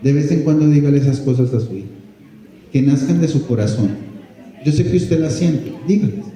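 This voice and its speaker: A man talks to parents at a school workshop, telling stories and asking them questions. His voice is very dark and mellow. It rings out in a big hall with a long, echoing reverb. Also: on the high side, fairly quick. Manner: warm storytelling, asks the audience questions. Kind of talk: informal parent workshop talk.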